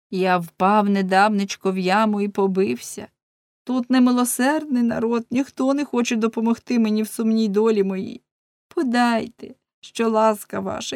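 A woman's voice: medium pitch, darkish tone, dry recording, clean studio sound, lightly acted. A woman voicing a cunning, playful young male rogue who mocks, wheedles and defies. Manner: mocking, wheedling when begging, defiant. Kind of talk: audiobook character voicing.

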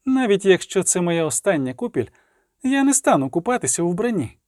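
A man's voice: high-pitched, very animated, a little fast, darkish tone, dry recording, studio quality, voice pushed up. A man reading aloud and voicing a playful, sensual sorceress woman in a purring tone. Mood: teasing.

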